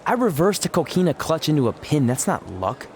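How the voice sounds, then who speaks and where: A goofy, jumpy young wrestler. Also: male voice, fairly high pitch, brisk, slight background noise. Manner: excitable, jokey, mangles words. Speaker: video game character.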